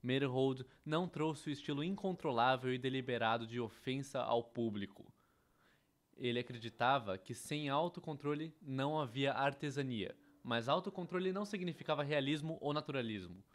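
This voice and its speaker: This man speaks with a Brazilian accent in a mid-range voice at a moderate pace. He is an educational presenter dubbing a theatre history course, delivering it as scripted narration.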